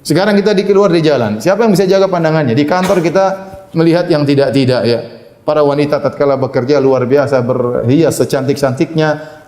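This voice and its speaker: A man's voice: fairly high pitch, a little mellow. Man, preacher, Ramadan sermon, Arabic quotes with translation, humorous asides, roomy echo. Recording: echoey room.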